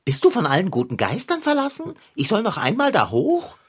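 A man voicing a pompous talking house cat in a children's audio play, with a husky voice and elaborate, haughty speech. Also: high voice, wildly swooping pitch, a little fast, heavily acted. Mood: alarmed, fussy. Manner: elaborate, pun-loving, haughty.

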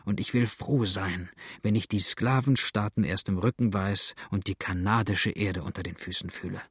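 A man's voice: sits low, moderate pace, a bit bright, husky, dry recording, clean studio sound, full character voice. A man voicing a hungry, bitter male runaway who talks in an agitated, complaining way.

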